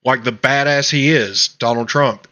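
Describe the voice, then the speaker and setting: A man's voice: medium pitch, unhurried, highs cut off, noisy background. A man hosting a political talk show, ranting emphatically in casual commentary with frequent restarts. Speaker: podcast host.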